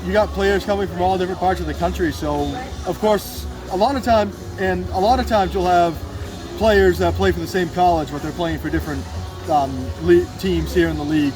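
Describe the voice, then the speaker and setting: Recorded poorly outside with music in the background, this interview guest is a twentysomething who works as a baseball team's PA announcer and radio producer. He has a high voice and talks about the team in a relaxed, excited way.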